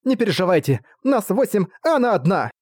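Guy doing eager cheery young girls in a storybook, pitched way up, dry sound. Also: very animated, fast, darkish tone, dry recording. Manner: eager, chirpy, rallying. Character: plucky young female fan-club girls, cheerful. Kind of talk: audiobook character voice.

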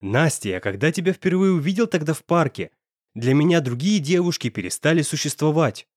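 A man's voice: fairly high pitch, lively intonation, brisk, no echo, clean studio sound. A man voicing a possessive, hot-tempered young man who talks in a pressing, emphatic way. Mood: passionate.

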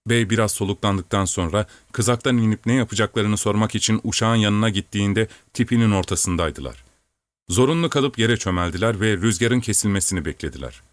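A man calmly reading a story aloud in measured, steady audiobook narration. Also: fairly low pitch, no echo.

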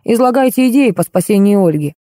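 A woman's voice: medium pitch, animated, fast talker, mellow, no room sound, clean studio sound, pitched above the performer's own voice, close to an everyday voice. A woman doing a pompous bossy colonel. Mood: commanding. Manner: pompous commanding. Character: bossy self-important police colonel, middle-aged man.

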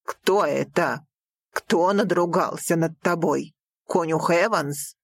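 A woman voicing a distraught, stern father in an audiobook, speaking in a slow, heavy, scolding way. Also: fairly low pitch, vocal fry, slightly rough, no echo, studio quality, exaggerated voice. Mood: angry. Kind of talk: audiobook character voice.

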